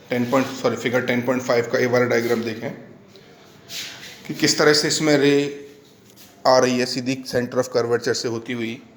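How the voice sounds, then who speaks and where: Male tutor, dictates notes slowly and repeats them; roomy, echoey recording. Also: mid-range voice. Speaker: teacher. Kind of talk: classroom physics lesson, dictating notes. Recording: echoey room, faint background noise.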